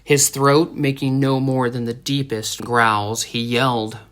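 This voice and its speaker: A man reading a dramatic story aloud as an audiobook narrator, in a steady storytelling manner. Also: medium pitch, measured pace. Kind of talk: scripted narration.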